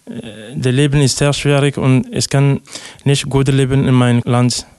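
A young man from Togo, a refugee, answers interview questions in learner German, using hesitant, simple sentences with many fillers. His voice is mid-range, a little mellow and clean, steady in tone at normal speed, recorded with clean studio sound and no room sound.

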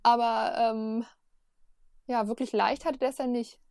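A woman co-hosting a podcast in casual chat, eager and quick to agree. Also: on the high side, fairly even intonation, creaky, darkish tone, no echo, clean studio sound. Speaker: podcast co-host.

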